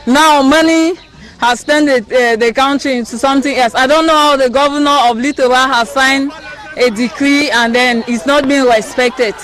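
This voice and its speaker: Very high-voiced Cameroonian-accented man, pleading. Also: steady tone, normal speed, a bit bright, some chatter behind, rough recording. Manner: pleading, emphatic, aggrieved. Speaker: local resident being interviewed. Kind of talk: impassioned spontaneous statement.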